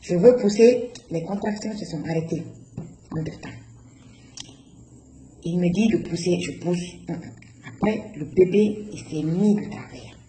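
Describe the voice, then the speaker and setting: A woman's voice: on the low side, a little slow, pauses often. Woman guest, emotional storyteller who acts out the dialogue, roomy recording with faint noise. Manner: animated, acts out the dialogue of others. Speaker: guest recounting a personal experience. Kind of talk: emotional first-person storytelling.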